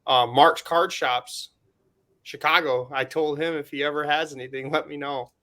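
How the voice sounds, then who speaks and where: A man with a bright, somewhat high voice, co-hosting a podcast in relaxed conversation. He sounds laid-back and laughs easily between his points. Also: normal speed. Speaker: podcast co-host. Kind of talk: casual chat.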